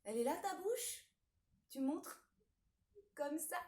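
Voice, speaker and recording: A woman leads a children's music warm-up from her home, talking playfully and directly to her young audience. Her voice sits high and she takes her time. The room around her rings with echo. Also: expressive, takes it slowly. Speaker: children's show host.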